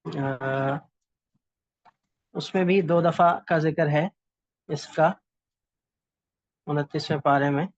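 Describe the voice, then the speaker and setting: Slow, patient male teacher, muffled audio. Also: fairly high pitch, fairly even intonation, no room sound. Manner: slow, patient, halting with pauses and fillers. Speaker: calligraphy teacher. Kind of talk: classroom lesson explanation.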